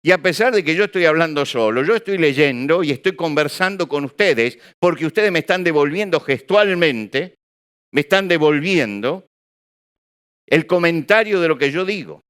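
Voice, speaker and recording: A male preacher speaks to a congregation. His voice is fairly high for a man, smooth and resonant, and it moves freely up and down. He keeps the room with him through rhetorical questions and acted-out examples. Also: lively intonation, moderate pace, a bit bright. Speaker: pastor. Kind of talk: sermon. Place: church or hall with an audience.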